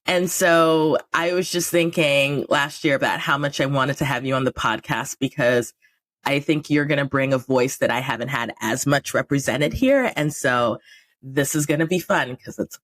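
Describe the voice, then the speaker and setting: A woman's voice: rumbling low, moderate pace. A woman hosting a podcast interview, chatty and laughing often as she talks. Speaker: podcast host.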